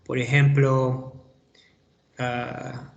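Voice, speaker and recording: A middle-aged English teacher with an Ecuadorian Spanish accent gives students feedback in an online class, explaining slowly with many hesitations. His mid-range voice is monotone with vocal fry, and the recording sounds muffled.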